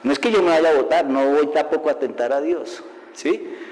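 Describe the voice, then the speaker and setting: A man preaching a sermon as an evangelist, lively and full of rhetorical questions, laughing at his own stories. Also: fairly high pitch, normal speed. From Colombia. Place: church hall. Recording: long hall reverb.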